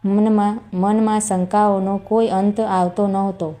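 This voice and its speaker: A woman with a Gujarati accent narrating a scripted story in an even, measured way. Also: mid-range voice.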